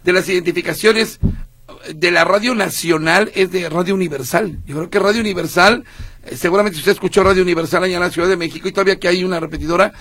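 A man's voice: high voice, fast, fairly bright tone, dry recording. A man co-hosting a radio show, chatty and jokey, stumbling over his words now and then. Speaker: radio co-host. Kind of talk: casual radio banter.

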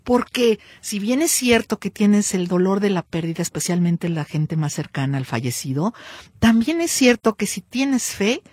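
A woman with a Mexican accent hosting a cultural radio show, lively and playful with her guest. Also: medium pitch, normal speed, husky, no echo, clean studio sound. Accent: Mexican Spanish. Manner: lively, playful, laughs easily. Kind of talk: casual radio chat.

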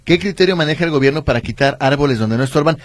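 A man co-hosting a radio show, reading listener messages and chatting quickly with his partner. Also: fairly high pitch, dry recording. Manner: quick, conversational, calls partner "tocayo". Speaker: radio co-host.

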